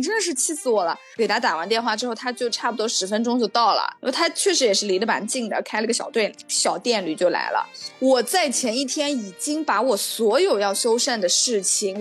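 A woman co-hosting a podcast, telling a story in casual chat. She sounds animated and indignant, and she swears freely. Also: a little high, a little fast, soft background music. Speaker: podcast co-host.

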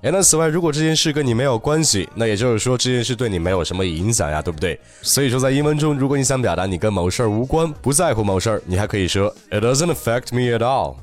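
A man teaching English phrases, who asks the listener questions and slows right down to say each English example with care. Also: medium pitch, animated, soft background music. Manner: switches into slow, careful English for example phrases. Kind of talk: recorded language lesson.

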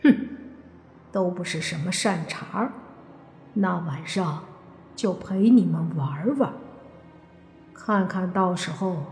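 A woman voicing a cocky, lazy young man who talks in a dismissive, cool way, husky-toned. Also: medium pitch, lively intonation, measured pace, darkish tone, soft background music. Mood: scheming.

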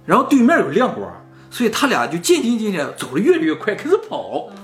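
A man tells a spooky tale in casual chat, acting out each quoted line. He talks fast, and his fairly high voice swoops all over. The room is echoey, with faint music behind. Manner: animated, acts out quoted lines. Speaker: storyteller host.

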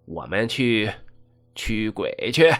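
A man voicing a slow, stern old village ghost-woman. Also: lowish voice, very animated, fairly bright tone, heavily acted. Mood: coaxing. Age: older. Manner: slow, measured, admonishing. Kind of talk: storytelling with character voices.

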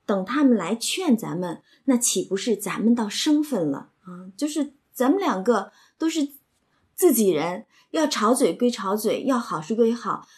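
A woman voicing a young nobleman who pleads and coaxes his upset cousin, in her own husky voice. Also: on the high side, lively intonation, normal speed, darkish tone, lightly acted. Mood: coaxing. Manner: pleading, coaxing.

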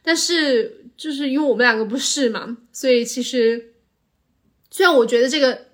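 Female co-host, somewhat high pitch, casual and reflective, analytical explainer who talks at length. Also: moderate pace. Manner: analytical, explains at length with occasional English filler. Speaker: podcast co-host.

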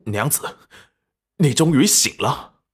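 A man's voice: mid-range voice, animated, takes it slowly, vocal fry, bright, forceful tone, slightly rough, full character voice. A man doing a tender young nobleman.

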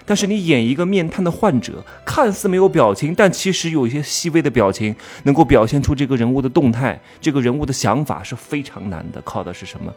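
A man's voice: mid-range voice, fast talker, hardly any pauses, breathy edge. Guy lecturing, voice jumps all over, rhetorical questions, faint music behind. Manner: animated, rhetorical questions, stressing words. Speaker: commentator teaching expression. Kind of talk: casual monologue lecture.

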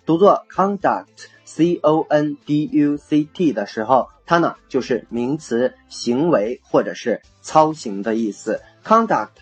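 Husky-voiced man teaching English vocabulary. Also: a little high, expressive, takes it slowly, few pauses, a little mellow, faint music behind. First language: Chinese. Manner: chatty and jokey, spells words letter by letter. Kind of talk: casual radio-style vocabulary lesson.

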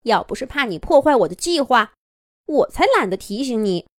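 A woman's voice: on the high side, expressive, moderate pace, no echo, studio quality, close to an everyday voice. A woman voicing a cool, dismissive young wolf. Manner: cold and dismissive.

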